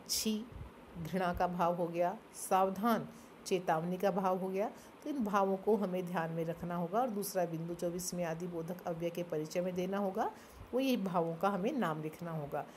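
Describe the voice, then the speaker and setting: A woman with a mid-range, darkish voice gives a grammar lesson in classroom style. She breaks things down step by step and answers the questions she raises, against slight background noise.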